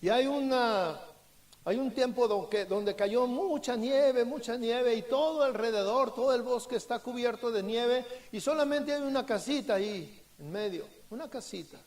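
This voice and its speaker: Very high-voiced pastor. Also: male voice, normal speed, a little mellow. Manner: storytelling, acting out dialogue. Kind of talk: sermon.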